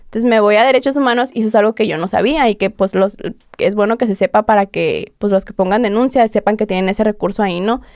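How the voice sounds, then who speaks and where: A woman's voice: mid-range voice, quick pace, a little mellow, dry recording, studio quality. A young woman with a Mexican accent, a podcast guest telling her story casually with lots of fillers and acted-out quotes. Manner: conversational, heavy fillers, acts out quotes.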